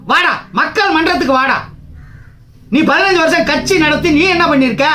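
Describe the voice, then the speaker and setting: A man's voice: very high-pitched, pushed and bright. A man from Tamil Nadu leading a trade union, giving a combative, taunting political speech full of rhetorical challenges.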